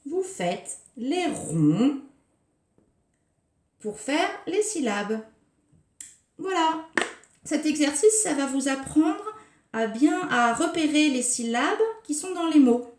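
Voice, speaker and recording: Slow, carefully articulating woman teacher. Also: sits high, big pitch swings, a little mellow. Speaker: preschool teacher. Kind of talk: recorded home-learning lesson for young children. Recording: roomy echo.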